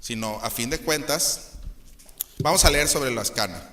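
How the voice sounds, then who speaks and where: Bright-voiced Mexican pastor joking in a sermon. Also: male voice, medium pitch, a little slow. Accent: Mexican Spanish. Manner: joking, lively, acts out quoted voices.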